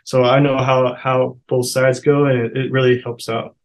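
A man talks casually as an interview guest. His mid-pitched voice stays quite flat in melody. He feels his way through sentences, often repeating and rephrasing. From United States, partly a Navajo reservation. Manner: halting, repeats and rephrases as he goes. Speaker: interview guest, college student. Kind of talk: casual personal recollection.

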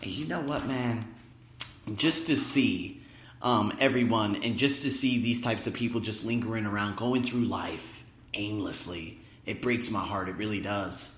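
A man's voice: lowish voice, a little slow, fairly bright tone, slight background noise. A man hosting a podcast, giving an emphatic motivational monologue straight to his listeners, full of rhetorical questions, in a big echoing room. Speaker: podcast host. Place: indoor room at work. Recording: echoing, roomy sound in workplace room.

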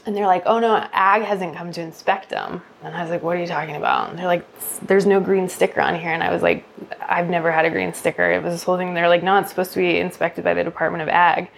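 A woman's voice: on the low side, quick pace, gravelly, a little hiss or hum. A young woman who grows mushrooms, telling a story in casual chat and acting out quoted exchanges, with some swearing. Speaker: mushroom grower, guest.

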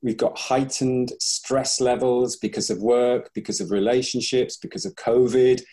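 His voice is mellow, medium-pitched, and steady, moving at an ordinary speed. Talking in a podcast interview about his work as a breathing coach, he thinks aloud, restarts sentences, and acts out clients' remarks.

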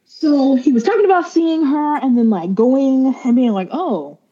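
A woman's voice: high voice, moderate pace, warm tone, breathy edge. A woman co-hosting a podcast in casual chat, retelling stories and quoting people as she goes. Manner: chatty, retells stories with quoted voices. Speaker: podcast co-host. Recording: dull lo-fi sound.

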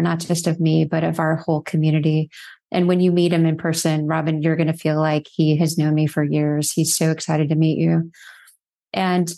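Mellow-voiced middle-aged woman guest. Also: low voice, gravelly. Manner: earnest and reflective, with repeated rhetorical questions. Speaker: physician and life coach, podcast guest. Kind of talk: reflective personal storytelling.

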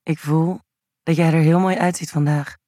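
A man playing a calm, stoic male chef in an erotic audio story, speaking tersely in a low, husky murmur. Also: normal speed, dry recording, clean studio sound, natural voice. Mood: seductive.

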